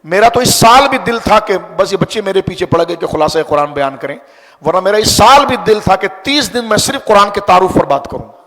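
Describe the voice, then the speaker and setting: A man's voice: high voice, lively intonation, fairly bright tone, long reverb tail. A man, an Islamic scholar, giving a sermon that explains scripture and asks his listeners rhetorical questions.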